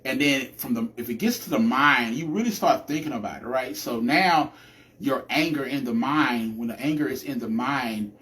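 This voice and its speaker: A podcast host speaks live in a mid-range voice at normal speed, delivering a chatty, animated monologue. His cadence resembles a preacher's, and he restarts his sentences often.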